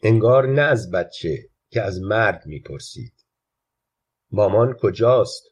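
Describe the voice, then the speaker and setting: A man reading a literary short story aloud in a quiet, even storytelling manner, with a husky voice. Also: on the low side. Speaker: narrator.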